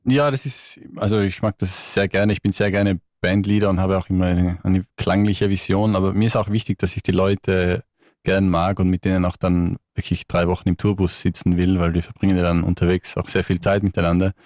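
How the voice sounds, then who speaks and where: Ein Mann in seinen Dreißigern aus Tirol mit österreichischem Akzent, der als Gast im Radiostudio nachdenklich und mit häufigen Neuansätzen erzählt. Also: male voice, low voice, little pitch movement, brisk, a little mellow, dry recording, clean studio sound. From Tyrol, Austria. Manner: thoughtful, with frequent restarts. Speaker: guest musician. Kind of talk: relaxed radio interview. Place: radio studio.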